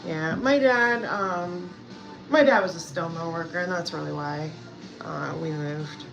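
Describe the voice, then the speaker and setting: Her voice sits on the low side, a little slow, with vocal fry, and the recording is rough. She's a Pennsylvania self-care coach and vlogger doing a casual live chat from indoors at home, music in the background, answering viewers in a rambling, hesitant way full of fillers.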